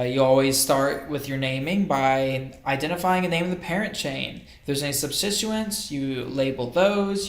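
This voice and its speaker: A man giving a casual recorded chemistry lecture over slides, relaxed and thinking aloud with fillers and small self-corrections. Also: a little high. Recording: roomy echo.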